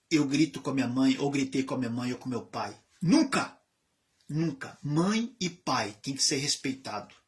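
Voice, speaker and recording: Man in his fifties, evangelist, preaching in a chatty storytelling way, acts out the people he quotes. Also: on the high side. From Bahia, Brazil. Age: 50s. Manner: conversational preaching, lively storytelling with quoted voices. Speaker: evangelist chaplain. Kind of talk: sermon testimony.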